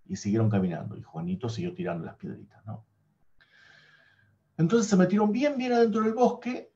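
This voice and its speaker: A man telling a fairy tale aloud, animated, with sound effects and little tag questions. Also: a little high, fairly quick. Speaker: storyteller. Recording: dull lo-fi recording.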